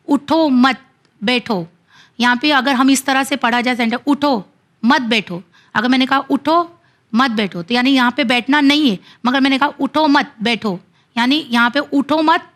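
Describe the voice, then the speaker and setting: A woman teaching children the rules of Quran recitation, explaining step by step with slow, drawn-out example readings. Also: high-pitched, a bit bright.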